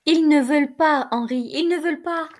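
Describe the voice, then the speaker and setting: A woman's voice: high voice, expressive, a little slow. A woman voicing a spoiled young lady who pleads in a trembling, broken voice, in a storybook reading. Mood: tearful.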